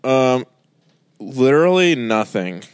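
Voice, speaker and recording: A man's voice: mid-range voice, big pitch swings, takes it slowly, clean tone, no echo. A young man co-hosting a casual podcast from his desk at home, easygoing and matter-of-fact. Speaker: podcast co-host. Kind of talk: casual chat. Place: home desk, remote recording.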